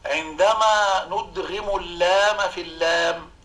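A man, a Quran recitation scholar, explaining recitation rules in a measured way and chanting short examples. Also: high-pitched, steady tone, sharp tone, low-quality recording.

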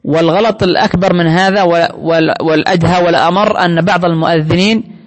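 Guy with a high voice teaching religion, explains things step by step, long echo around him. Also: fairly even intonation, fast talker. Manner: explanatory, teacherly, quotes scripture often. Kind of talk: religious lesson. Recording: long hall reverb.

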